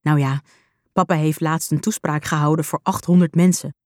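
Woman, storybook narration, gentle, lowish voice, dry close sound. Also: steady tone, normal speed, no echo. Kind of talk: storybook reading.

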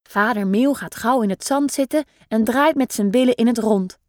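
A woman reading a children's story aloud in a lively, expressive way. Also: fairly high pitch, moderate pace, dry recording, clean studio sound. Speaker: storybook reader.

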